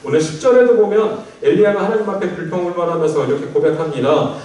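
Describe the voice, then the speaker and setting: A male pastor giving a sermon in a church, speaking in a gentle, conversational way and leading the congregation in readings. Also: a little high, quick pace. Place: church sanctuary. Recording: very echoey church hall, mic at a distance.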